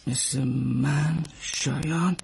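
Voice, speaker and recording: A man's voice: fairly high pitch, fairly even intonation, gravelly, background noise. An actor playing a young man who argues defiantly while held at gunpoint. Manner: defiant, pleading, argumentative. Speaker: tenant's husband. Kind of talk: television drama acting.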